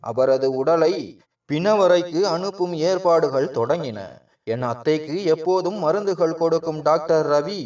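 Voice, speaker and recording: A man narrating a first-person dramatic story in an emotional, measured way. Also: fairly high pitch. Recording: distant mic with soft background music.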